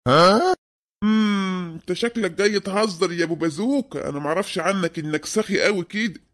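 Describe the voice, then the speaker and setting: A man's voice: high-pitched, fairly quick, a bit bright. A man voicing a wary, haggling sheep seller in an Egyptian cartoon, with an Egyptian accent. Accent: Egyptian Arabic.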